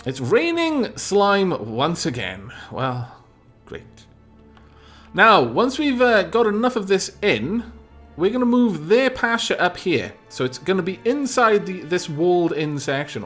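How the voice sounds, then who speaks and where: Here a man from Wales, a native Welsh speaker, streams a let's play and chats casually about the game. His voice is lively and unhurried, wandering through thoughts spoken aloud with dry asides over faint background music.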